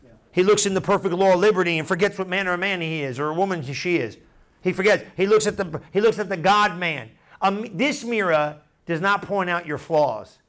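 A middle-aged male pastor preaches an animated sermon in a high-pitched, fairly quick voice. He repeats phrases and draws replies from the congregation.

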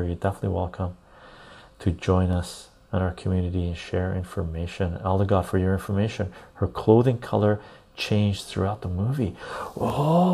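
A man's voice: deep voice, gravelly, warm tone. A man hosting a casual live stream, chatting to viewers and repeating phrases for emphasis, recorded on a clip-on lapel mic. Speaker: live stream and podcast host.

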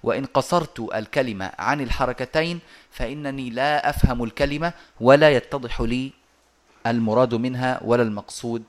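Methodical teacher on a call. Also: male voice, medium pitch. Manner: measured and methodical, with frequent drawn-out hesitations. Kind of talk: explanatory lesson. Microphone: video call.

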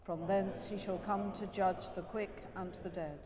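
A worshipper reciting the creed in a measured, chant-like way during a service in a large stone church, with a cathedral echo. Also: mid-range voice, fairly even intonation, a crowd in the background. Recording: long cathedral reverb with music behind.

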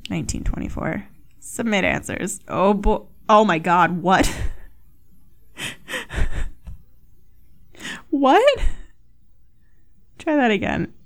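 Rambling, swearing young woman podcaster. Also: mid-range voice. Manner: rambling, profane, self-mocking. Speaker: podcast host. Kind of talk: casual solo podcast chat.

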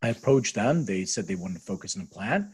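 With a lowish, sing-song voice that is a touch fast, a little mellow and slightly rough, this podcast guest relates his story. He is a middle-aged American, born in Lithuania and living in Philadelphia, who founded a medicinal cannabis company. His telling is informal, rambling and explanatory.

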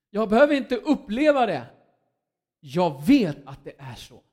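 A man preaching a sermon, acting out quoted voices with dramatic swings in loudness. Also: very high voice.

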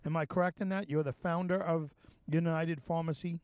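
A man's voice: a little high, fairly even intonation, a little mellow, clear, resonant tone, no echo. A man hosting a talk show interview, asking long questions full of fillers and restarts. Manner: halting, many fillers and restarts. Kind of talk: casual interview chat.

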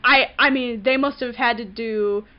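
A woman's voice: on the high side, steady tone, moderate pace, highs cut off. A woman co-hosting a casual podcast chat, hesitant with many fillers and breaking into giggles. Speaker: podcast co-host.

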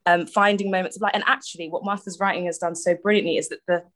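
A woman talks in a conversational interview style, as a guest would. Her voice is a little on the low side, and her way of talking is informal and reflective. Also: fairly even intonation, quick pace, a bit bright. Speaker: theatre director being interviewed.

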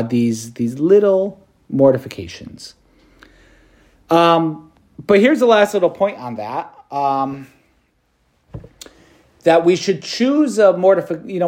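Chatty priest with a slightly high voice. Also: male voice, darkish tone. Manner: conversational, peppered with "like" and "right?"; light self-deprecating humor. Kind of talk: preached meditation to students.

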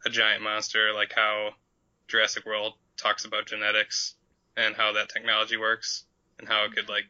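Guy on a movie podcast, low but really sharp bright voice, lo-fi. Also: completely flat delivery, moderate pace. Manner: loose, filler-heavy talk. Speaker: podcast co-host. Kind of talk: casual chat about movies. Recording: slightly dull lo-fi audio.

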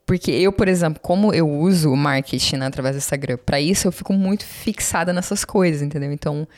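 A Brazilian woman with a low, darkish voice talks quickly as a guest in a casual conversation, speaking with a Brazilian Portuguese accent. She is a social media marketer, chatty and self-deprecating, using lots of fillers.

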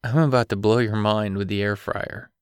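A male narrator voicing a wary, dry-humored single father in an audiobook, speaking softly and dryly. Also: on the low side, steady tone, normal speed, smooth, no room sound, natural voice. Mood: guarded. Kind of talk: audiobook character reading.

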